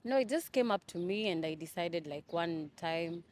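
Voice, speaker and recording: A woman's voice: on the low side, animated, normal speed, darkish tone. A young woman from Kenya answering interview questions casually, hesitant with many fillers and restarts. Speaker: interview guest. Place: Dubai.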